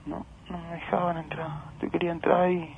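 A grieving father, speaking in a halting, emotional way during a phone interview. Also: on the high side, little pitch movement, gravelly. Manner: halting, repeats words, emotional. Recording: tinny phone line with faint noise.

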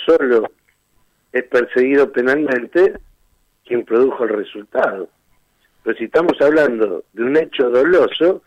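Man with argentine spanish accent, defense lawyer, argumentative, rhetorical questions, mid-pitched, dull muffled line, dry sound. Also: dry recording. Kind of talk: radio phone interview.

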